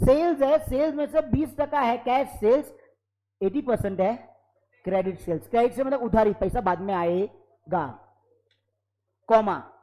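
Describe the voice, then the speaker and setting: A man teaching an accounting class live in a classroom, lively and constantly prompting students for yes or no. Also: very high voice, a little slow, long pauses, low-quality recording. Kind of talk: classroom lecture.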